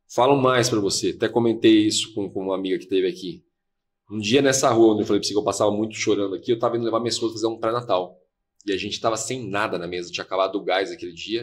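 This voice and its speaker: As a guest in a podcast studio, this man recounts a personal story with quick, earnest delivery, acting out the dialogue as it unfolded. His voice is lowish and husky.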